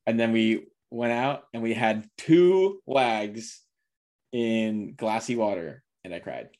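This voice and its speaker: A man in his twenties with a New England accent co-hosting a podcast, excitable and casual. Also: lowish voice, slow pace, slight background noise. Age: 20s. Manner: excitable, says "dude" a lot. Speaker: podcast co-host.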